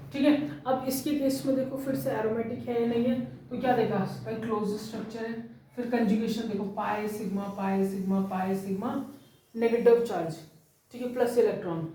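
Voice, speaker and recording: A woman's voice: medium pitch, warm tone, recorded from a distance, a little hiss or hum. Woman teacher in an echoey room. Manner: explains step by step, checks understanding with frequent "theek hai". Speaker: chemistry teacher. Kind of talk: classroom lecture mixing Hindi and English.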